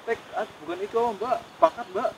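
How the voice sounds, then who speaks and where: A man's voice: high voice, animated, normal speed, noisy background. A man co-hosting a ghost-hunting vlog, talking in an uneasy way and repeating prayers. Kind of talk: live paranormal investigation vlog.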